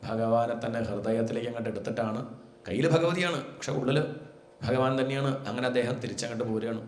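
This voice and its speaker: A man gives a devotional scripture discourse, retelling the story and slowing to chant Sanskrit verses. His voice sits at a middle pitch. The recording carries a noticeable room echo. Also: a little hiss or hum. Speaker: Bhagavatam teacher.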